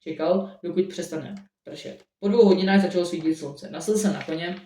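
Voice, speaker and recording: A man narrating his own story in the first person in a halting amateur reading with frequent restarts. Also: high voice, dark tone. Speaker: audiobook narrator. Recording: roomy echo, mic at a distance.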